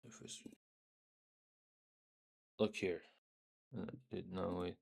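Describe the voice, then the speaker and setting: Slow and creaky, with a low, darkish voice that stays level, a young Syrian streamer rambles casually and bluntly. He curses freely and keeps tagging "right?" onto what he says.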